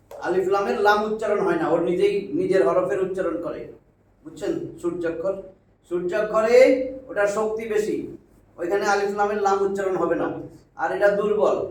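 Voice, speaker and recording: A man teaches a Quran reading class. He is patient, repeats each word and checks often that the students follow. He is recorded from a distance in a very echoey room. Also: high-pitched. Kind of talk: classroom lesson at a whiteboard. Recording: echoey room, mic far off.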